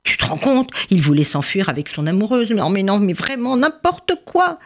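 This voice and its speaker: Storybook part: woman playing an exasperated mother, high and indignant. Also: very animated, normal speed. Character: cross scolding mother.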